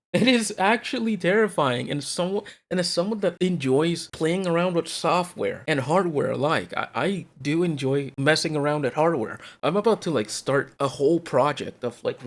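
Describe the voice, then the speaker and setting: Exasperated man on an escalating, sweary rant. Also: mid-range voice. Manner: casual, heavily profane talk. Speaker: host of a solo rant show. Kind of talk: unscripted, rambling rant.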